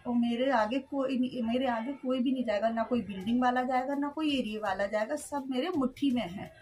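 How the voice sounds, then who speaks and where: High-voiced woman telling her story. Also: fairly quick, a little mellow. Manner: storytelling, quoting others' words, frequent "haan, ji". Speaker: interviewee recounting an incident. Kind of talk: emotional first-person account.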